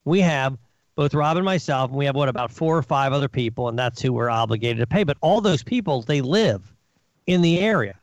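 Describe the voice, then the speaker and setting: A man on a podcast telling a story with animated indignation, swearing as he goes. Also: mid-range voice, a little fast, dry recording, rough recording. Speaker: regular guest of the show. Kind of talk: casual podcast chat.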